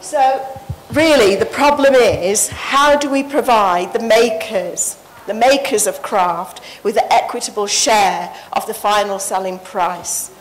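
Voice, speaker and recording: A woman's voice: medium pitch, slow, poor audio. Earnest woman presenting at a conference. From Sri Lanka. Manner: earnest, passionate speaker. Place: conference stage indoors. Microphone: handheld mic.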